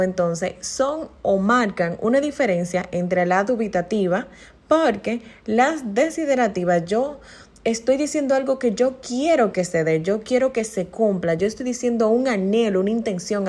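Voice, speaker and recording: A woman's voice: fairly high pitch, a little mellow. A woman teaching a grammar lesson, explaining patiently with frequent fillers and examples.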